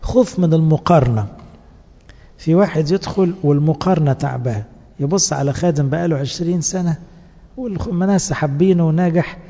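A man's voice: fairly high pitch, brisk, mellow. A man with an Egyptian accent preaching to church servants, earnest and exhorting, full of rhetorical questions. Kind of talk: sermon. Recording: dull lo-fi recording in a reverberant hall.

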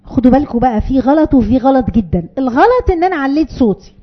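A woman's voice: sits high, expressive, rapid-fire, muffled recording. A woman doing emphatic Egyptian parenting talk. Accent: Egyptian Arabic. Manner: emphatic, repeats key phrases, acts out parent and child dialogues. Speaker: parenting educator.

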